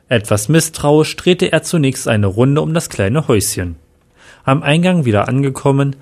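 A man reading a crime story as narrator in a steady, even way. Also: medium pitch.

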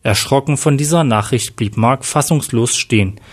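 A man reading a crime story aloud in a plain, steady storytelling voice. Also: medium pitch, moderate pace. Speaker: narrator.

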